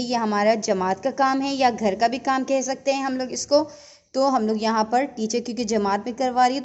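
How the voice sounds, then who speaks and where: A woman teacher giving an online Urdu lesson to young children, explaining slowly and patiently and checking in often. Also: a little high, darkish tone, highs cut off. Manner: patient, slow teacher talk with repeated checks.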